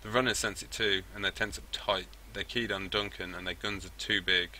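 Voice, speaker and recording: A man's voice: low-pitched, fairly even intonation, fairly quick, bright, forceful tone, slight background noise. A man hosting a game playthrough, reading the story aloud with rambling, self-correcting asides. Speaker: let's play host.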